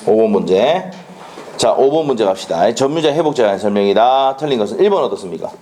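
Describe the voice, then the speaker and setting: A man teaching a law exam prep class in a classroom, animated and drilling students with quick questions. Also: mid-range voice. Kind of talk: classroom lecture. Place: lecture classroom.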